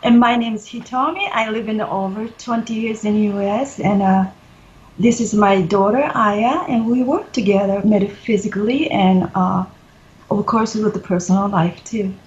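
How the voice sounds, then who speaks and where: A middle-aged woman from Okinawa with a Japanese accent, introducing herself haltingly in simple phrases. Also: mid-range voice, fairly even intonation, a little mellow, muffled recording. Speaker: channel co-host. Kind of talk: casual self-introduction.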